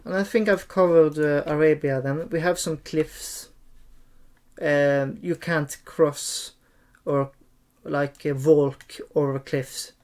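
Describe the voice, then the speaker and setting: A streamer giving an unscripted, hesitant gameplay tutorial, often pausing and repeating phrases. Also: medium pitch, steady tone, darkish tone. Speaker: streamer and game tutorial host.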